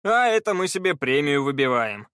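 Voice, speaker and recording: A man reading an audiobook, voicing a cheerful, practical male treasure hunter in a raised, lively voice. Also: fairly high pitch, moderate pace, clear, resonant tone, no room sound, clean studio sound. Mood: brisk.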